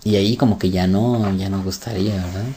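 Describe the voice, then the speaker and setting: A man's voice: low voice, steady tone, a little fast, warm tone, slight background noise. A man teaching scripture in a sermon style, emphatic and fond of rhetorical questions. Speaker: religious teacher.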